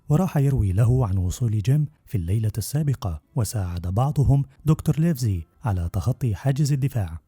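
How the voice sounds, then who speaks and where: Fast, dark-voiced male audiobook narrator. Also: mid-range voice, slightly rough, no echo, clean studio sound. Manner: brisk, steady storytelling. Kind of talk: scripted narration.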